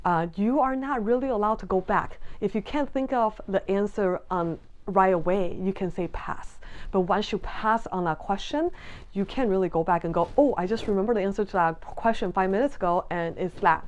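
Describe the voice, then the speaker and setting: Recorded with lo-fi sound, a Taiwanese-born woman who vlogs about wine talks casually to camera about sommelier exams. She has a mid-range, darkish voice and a moderate pace, and comes across friendly and sincere, often saying um and starting over.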